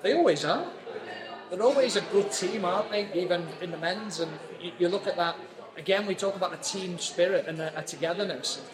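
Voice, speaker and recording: A man's voice: high-pitched, fairly quick, crowd noise. A man as a pundit on a sports podcast, talking casually and often restarting his sentences. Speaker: pundit guest.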